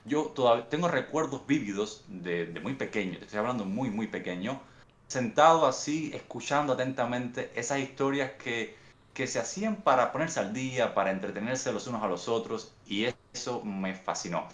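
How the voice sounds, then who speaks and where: Cuban man, unhurried, roomy sound. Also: mid-range voice, fairly bright tone. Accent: Cuban Spanish. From Cuba. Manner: thoughtful, unhurried storytelling with frequent restarts. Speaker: guest author. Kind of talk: reflective interview answers.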